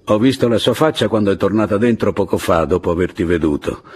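A man voicing a fierce, bossy middle-aged peasant woman in an audiobook, with a husky voice and a blunt, commanding manner. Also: on the low side, fast talker, darkish tone. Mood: confiding.

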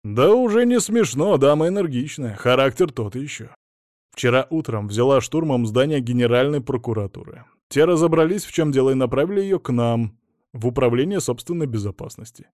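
A man's voice: medium pitch, lively intonation, fairly quick, a little mellow, no room sound, studio quality, lightly acted. A man voicing a stern middle-aged male police chief who lectures and scolds his subordinate in an audiobook. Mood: lecturing.

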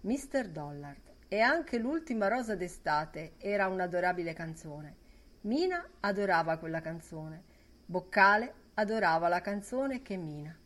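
A woman reading the lines of a young barmaid who murmurs softly. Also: fairly low pitch, animated, unhurried. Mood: murmuring. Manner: soft, murmuring.

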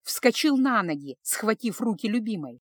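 A woman's voice: mid-range voice, normal speed, slightly rough, dry recording. Woman narrating a romance audiobook, dry close voice. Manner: steady, emotive storytelling.

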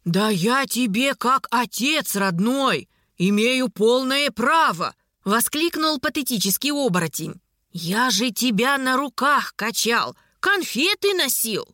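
A woman's voice: sits high, expressive, unhurried, few pauses, sharp tone, no room sound, studio quality, pitched above the performer's own voice, full character voice. A woman voicing a wiry, temperamental male werewolf uncle who blusters and wails in theatrical complaint. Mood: pleading.

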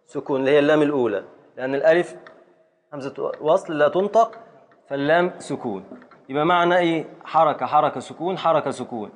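A man's voice: a little high, fast talker. A man with an Egyptian accent teaching a classroom lesson on Arabic grammar and prosody. He patiently scans verse aloud syllable by syllable and calls on his students.

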